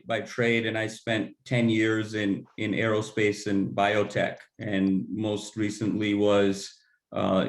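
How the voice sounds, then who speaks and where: A man from Los Angeles answering panel questions in a measured, halting way. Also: fairly low pitch, roomy sound. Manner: measured, halting, many fillers and restarts. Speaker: panelist, MSx student.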